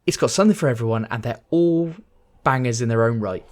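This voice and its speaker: This is a man co-hosting a gaming podcast, chatting casually. He gets excited easily, swears freely and talks things up. His voice sits in an ordinary middle pitch. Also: quick pace. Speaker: podcast co-host.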